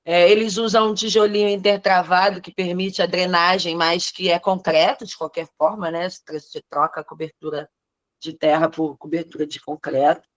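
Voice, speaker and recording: A woman speaks in a lowish, measured voice on a video call. Her sound is close and dry, with no room around it. She talks in a reflective way, often checking in with "né?". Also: level tone, no echo. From Rio de Janeiro. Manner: thoughtful, measured, frequent "né?" tags. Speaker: teacher in a training course.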